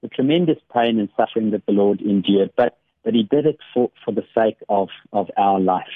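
A man's voice: fairly low pitch, fairly quick, husky, no echo. Earnest man telling a story over a phone line. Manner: earnest storyteller, many small restarts, laughs easily. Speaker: radio guest, academic devotional speaker. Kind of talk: warm conversational devotional reflection. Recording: dry, phone-like radio line.

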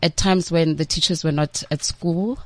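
A woman's voice: low-pitched, fairly even intonation, normal speed, a little mellow, dry recording. A South African woman giving chatty, informal interview answers, occasionally mixing in local-language words. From Limpopo, South Africa. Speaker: interview guest, entertainment entrepreneur and MC.

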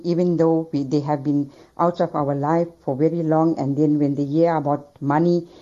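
A woman's voice: sits low, dark tone. A woman leaving an earnest recorded voice message, giving advice with Islamic blessings, played back on air. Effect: voice message played over the radio. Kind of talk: recorded voice note read out as advice. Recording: dull lo-fi voice message.

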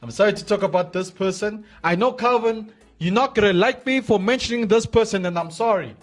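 A man's voice: high voice, brisk, soft background music. A man hosting a casual radio sports show in a welcoming manner, often repeating words and phrases for emphasis. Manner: welcoming, greets listeners and co-host. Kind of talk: casual chat with co-host.

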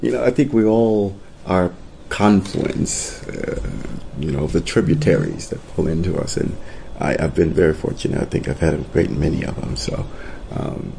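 Deep gravelly man telling his story. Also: moderate pace, noisy background. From Costa Rica. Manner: thoughtful, storytelling, frequent restarts. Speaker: guest, entrepreneur and author. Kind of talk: reflective interview talk.

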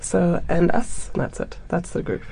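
Gravelly-voiced woman from Zambia. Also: lowish voice, normal speed, mellow. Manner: chatty, laughs often. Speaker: theatre maker and drama teacher. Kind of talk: radio interview guest.

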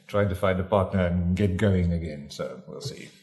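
A man's voice: deep voice, normal speed, dark tone. A man with a South African accent hosting a radio show in a casual interview chat. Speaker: radio host.

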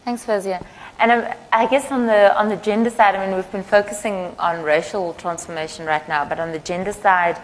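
A woman's voice: mid-range voice, steady tone, fairly quick, poor audio. A woman moderating a panel discussion in a conversational, explanatory way. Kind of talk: semi-scripted panel moderation. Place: live panel event. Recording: clear background noise, live event.

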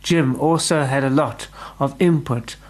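A man presenting and reading a radio drama as its storyteller, in a steady, even delivery. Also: medium pitch, a little slow. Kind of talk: scripted radio drama narration.

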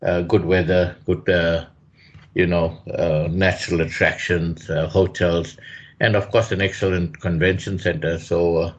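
A man co-hosting a radio talk show, speaking in a measured, hesitant way with many fillers. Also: deep voice, little pitch movement, slightly rough. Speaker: radio co-host. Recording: dull lo-fi radio sound.

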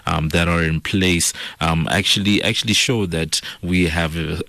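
Deep-voiced male radio host, dry studio sound. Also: normal speed, gravelly, no echo. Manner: relaxed, hesitant with many fillers. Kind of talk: radio business show presenting. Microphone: studio microphone.

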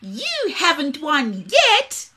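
A woman voicing a tiny, cheeky male bird in a storybook reading, with a shrill, squeaky voice and a taunting manner. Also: slow pace, pushed and bright, a little hiss or hum, full character voice.

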